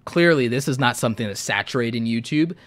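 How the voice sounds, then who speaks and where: Animated and quick-paced, a man with a medium-pitched voice hosts a live YouTube Q&A and channel review session. He's sick and losing his voice, thinking out loud with frequent ums as he gives honest advice.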